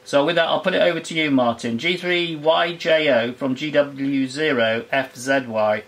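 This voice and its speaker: A man's voice: mid-range voice, normal speed, fairly bright tone. A man speaking on air over a homebuilt transmitter, his voice coming through a scratchy carbon microphone with hesitant call-sign talk. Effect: scratchy carbon microphone audio. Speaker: amateur radio operator. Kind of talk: on-air radio exchange.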